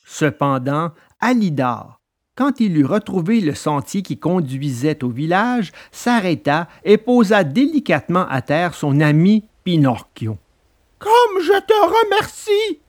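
A man narrating a children's storybook episode with expressive delivery. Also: fairly high pitch, unhurried. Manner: expressive, lively. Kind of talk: storybook reading.

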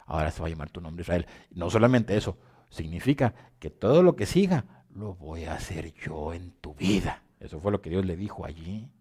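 A man preaching a sermon, reading scripture aloud and repeating phrases as he swings between quiet and loud passages. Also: deep voice, animated, moderate pace, breathy edge.

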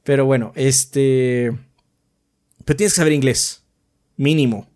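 A man with a Mexican accent co-hosting a casual podcast chat, animated and swearing freely. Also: mid-range voice, takes it slowly. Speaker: podcast co-host.

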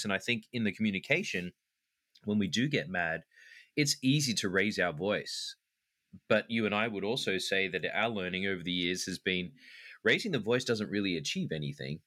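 A man's voice: lowish voice, animated, normal speed, sharp tone, no room sound. A man co-hosting a faith talk, reflective and practical as he talks through how to handle anger. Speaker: podcast co-host. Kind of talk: faith-based conversational talk.

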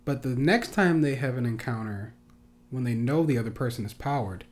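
A man co-hosting a casual podcast, his voice at an ordinary middle pitch. He talks with opinionated enthusiasm and keeps the chat loose. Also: animated, brisk, a little mellow. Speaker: podcast host.

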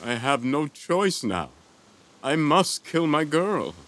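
A man's voice: fairly high pitch, sing-song, takes it slowly, a bit bright, heavily acted. An actor playing an anguished king torn over his daughter, in a declamatory, grief-stricken stage delivery for an audio drama. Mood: resigned.

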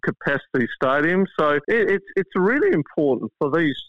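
A man with an Australian accent chatting casually about sport as a guest pundit, in a halting way with many "you knows". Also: a little high, expressive, dry recording. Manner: halting, full of "you know". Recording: dull, band-limited radio-like sound.

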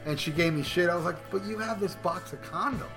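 On his podcast, a middle-aged male host rattles off a long, crude story in a rambling, profane way, stumbling and restarting as he goes. His voice is high-pitched and fairly bright, and he talks quickly. Clearly audible music sits beneath the casual storytelling.

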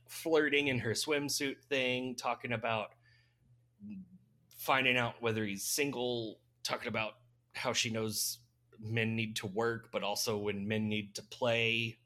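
A podcast co-host casually recaps a movie plot, rambling, amused, and laughing often. His mid-range voice shows little pitch movement and a measured pace, sounding pushed and bright.

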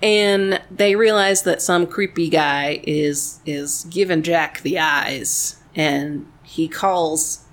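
A woman's voice: low voice, takes it slowly, hardly any pauses. A woman with a Southern US accent co-hosting a podcast in casual, chatty talk, laughing often and swearing casually. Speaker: podcast co-host. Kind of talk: casual chat.

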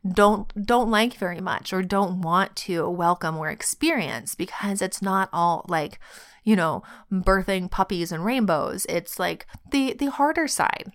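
A woman with a sick, choked-up voice talks through her solo podcast at an unhurried, drawn-out pace. She speaks softly and from the heart, slipping into whispers now and then and laughing gently between thoughts. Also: medium pitch. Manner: slow, soft and heartfelt, drops to whispers, laughs often. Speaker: tarot podcast host. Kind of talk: reflective solo podcast talk.

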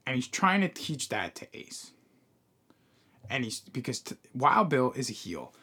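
A man's voice: medium pitch, very animated, unhurried, sharp tone, slightly rough. A man co-hosting a podcast, explaining at length in casual chat and swearing now and then. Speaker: podcast co-host.

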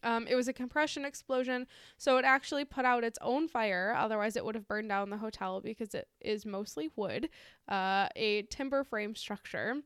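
A woman with a fairly high, clean voice hosts a casual chat while reading ghost stories. She is informal and giggly, and the sound is close and dry. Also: smooth, no room sound. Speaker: podcast host.

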